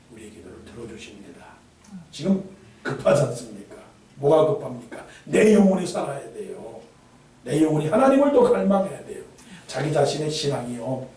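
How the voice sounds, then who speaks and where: A male pastor preaching a sermon with lively delivery, breaking into shouted cries and then dropping to hushed asides. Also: mid-range voice. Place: church sanctuary. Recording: echoey hall from far off, faint noise.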